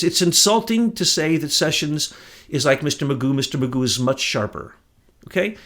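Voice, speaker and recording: A man co-hosting a political talk show, speaking in an indignant, emphatic way that rises to near shouts. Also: medium pitch. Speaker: podcast co-host. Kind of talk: heated political commentary.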